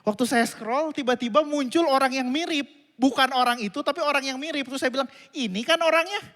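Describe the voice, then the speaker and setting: A man preaching a sermon, telling a family story in an animated way and addressing the congregation directly. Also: very high-pitched, fast talker. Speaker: pastor. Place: church auditorium. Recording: reverberant hall.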